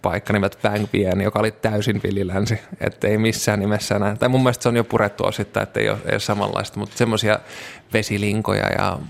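A man's voice: fairly low pitch, vocal fry, few pauses. A Finnish man, an interview guest, telling travel stories casually with many fillers. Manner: relaxed storytelling with frequent fillers.

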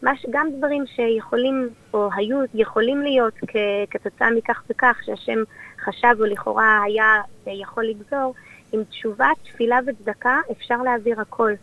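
A woman's voice: on the high side, steady tone. A woman with an Israeli accent, speaking as a community leader and guest in a conversational, explanatory radio interview. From born in Australia, raised there and in Israel. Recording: dull, lo-fi radio sound.

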